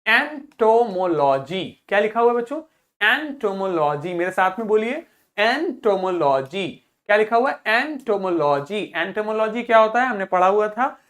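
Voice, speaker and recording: A woman teaching a vocabulary lesson to students, explaining terms, asking check questions and repeating each word slowly for pronunciation practice. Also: a little high. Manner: drills pronunciation by slow repetition; asks rhetorical check questions.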